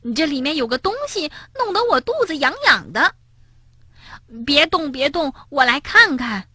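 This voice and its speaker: A woman's voice: high-pitched, expressive, unhurried, bright, forceful tone, no echo, heavily acted. A woman voicing a cheeky, playful male frog who teases his friend in a children's storybook. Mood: teasing. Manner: teasing, sing-song storybook voice.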